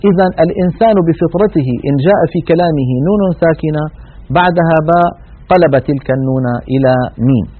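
A man teaching Quran recitation rules in a broadcast lesson, explaining in a measured way and demonstrating pronunciation. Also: on the high side, breathy edge. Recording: tinny band-limited broadcast audio.

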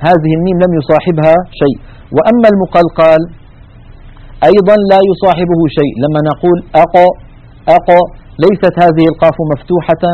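Brisk methodical male tajweed teacher. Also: on the high side, highs cut off. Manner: methodical, explains with spoken examples. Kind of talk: recorded lecture with slides.

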